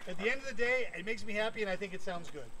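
A man's voice: high-pitched, animated, racing, pushed and bright, slight background noise. Upbeat man teaching kids music. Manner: upbeat, quizzing the children. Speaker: children's music presenter. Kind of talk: interactive kids' music lesson. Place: public library event room.

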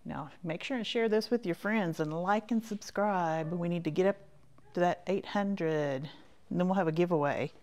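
In a lowish, slightly mellow voice at a moderate pace, a woman rambles casually while touring a quilt shop on foot indoors, offering brief folksy remarks that tend to trail off.

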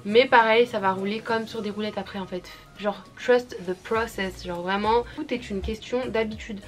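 A woman's voice: medium pitch, fairly even intonation, normal speed. A young woman in her twenties giving casual, slangy advice straight to her viewers in a vlog. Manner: chatty, slangy, addresses viewers directly. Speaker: vlogger.

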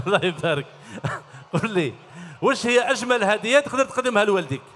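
A cheerful middle-aged host with an Algerian Arabic accent quizzes the children at his stage show, talking fairly quickly in a high-pitched, very animated voice with a fairly bright tone. He's on a large concert hall stage with a handheld mic. Long hall reverb colors the recording.

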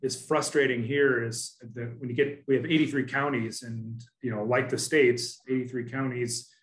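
A man's voice: mid-range voice, fairly even intonation, moderate pace. A man in his thirties joins a webinar panel over a video call from his office, speaking earnestly and often restarting his sentences. His voice sits in the middle range, and the room gives it a noticeable echo. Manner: earnest, many restarts and fillers. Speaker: panelist from an asphalt producer. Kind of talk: casual webinar discussion. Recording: roomy video call audio.

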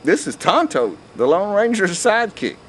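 A man voicing a big, easygoing cowboy son who calms the others down, reading a comic script. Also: sits high, moderate pace, slight background noise, pitched above the performer's own voice.

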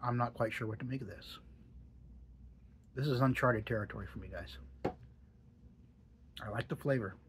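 A man's voice: medium pitch, fairly quick, pauses often, a bit bright, slight background noise. A middle-aged man chatting casually in a vlog, musing and hesitant, with dry jokes. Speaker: tobacco reviewer.

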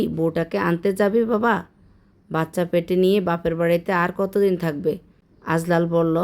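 A woman's voice: fairly low pitch, darkish tone. A woman narrating a serialized family drama story, reading every character's lines herself. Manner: reads all parts, shifting tone for quoted speakers.

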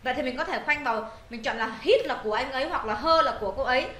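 A woman's voice: sits high, quick pace, a bit bright, roomy sound, slight background noise. A woman English teacher, walking students through exam answers, repeating words and checking they follow. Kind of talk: exam answer walkthrough lesson.

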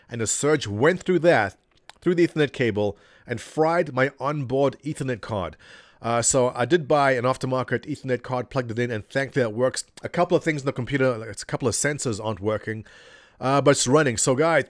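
Seated in a gaming chair at home, an animated man who leads a gaming community hosts a jokey webcam Q&A, reading questions out loud. A desk condenser mic in front of him records his medium-pitched voice dry and clean, like a studio.

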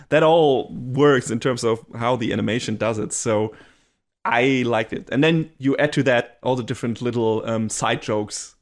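A man co-hosting a casual podcast, reviewing a show with eager, rambling talk full of restarts and fillers. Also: mid-range voice. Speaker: podcast co-host reviewing anime.

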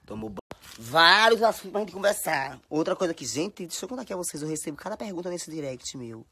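Husky-voiced bahian girl doing phone stories at home, over the top and dramatic, scolding a lot. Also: lowish voice, big pitch swings, fast, sharp tone. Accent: Bahian Brazilian Portuguese. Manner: dramatic, exaggerated and scolding, full of exclamations. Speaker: social media personality. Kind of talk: casual phone stories monologue.

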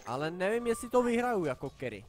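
A young man with a Czech accent, commentating his own online game in a chatty way, dropping English swears and yelling in sudden panic. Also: sits high, sing-song. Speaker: gameplay commentator.

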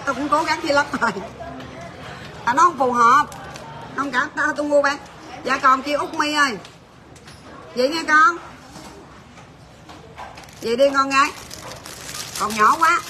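High-voiced shop owner. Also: female voice, noisy background. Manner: rapid, blunt teasing banter with staff, laughing often. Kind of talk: livestream sales chat.

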